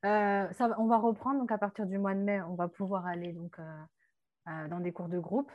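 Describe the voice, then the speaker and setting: A woman's voice: medium pitch, steady tone, normal speed, muffled recording. A woman teaching vocabulary in a chatty way, with many hesitations, dropping in foreign words as she explains. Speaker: language teacher. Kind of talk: explaining vocabulary on a radio show.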